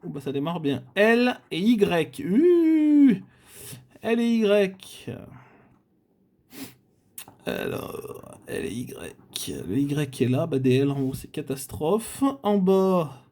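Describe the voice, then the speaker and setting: A man's voice: on the high side, animated, slow, a little mellow. A man from France hosting his own channel, giving casual running commentary as he scratches tickets, muttering and repeating letters aloud with frequent filler sounds. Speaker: scratch-card channel host.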